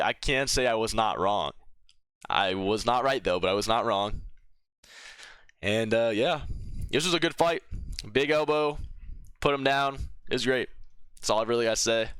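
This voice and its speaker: Bright, crisp-voiced young man ranting. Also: medium pitch, no room sound, clean studio sound. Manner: rambling, opinionated, with filler words and restarts. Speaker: MMA commentary vlogger. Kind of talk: casual fight reaction commentary.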